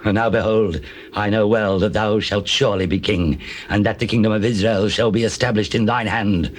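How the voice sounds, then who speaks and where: An actor playing a weary, remorseful older king of Israel in dramatized scripture, with solemn, deliberate archaic phrasing. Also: lowish voice, steady tone, close to an everyday voice. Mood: remorseful, grave. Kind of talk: dramatized scripture, classical stage acting. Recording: hissy old cassette tape transfer.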